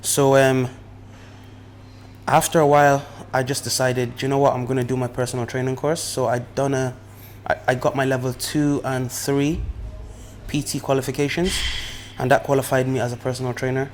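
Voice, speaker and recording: A man, a personal trainer, telling his story in a relaxed way in a documentary interview. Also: medium pitch, normal speed, a little hiss or hum. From Ireland. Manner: relaxed storytelling, repeats himself.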